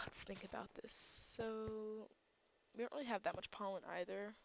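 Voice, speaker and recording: A woman's voice: mid-range voice, fairly even intonation, measured pace, pushed and bright, a little hiss or hum. A woman giving casual gameplay commentary, groggy in her morning voice, rambling and thinking aloud with lots of fillers. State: groggy just-woke-up morning voice. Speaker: server owner and gameplay commentator.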